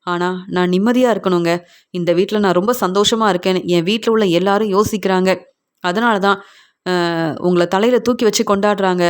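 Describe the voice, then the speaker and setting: Smooth-voiced woman retelling a serial. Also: mid-range voice. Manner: steady retelling of dialogue, linked by repeated narration phrases. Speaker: serial recap narrator. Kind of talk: retelling a TV serial episode, voicing all parts.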